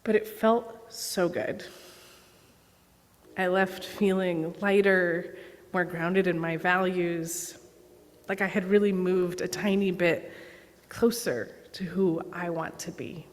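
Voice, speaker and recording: A woman giving a sermon as guest preacher, telling stories and acting out dialogue in an animated way. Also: fairly low pitch, takes it slowly. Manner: animated storyteller, acts out dialogue. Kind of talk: sermon with storytelling. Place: church sanctuary. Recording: long church reverb.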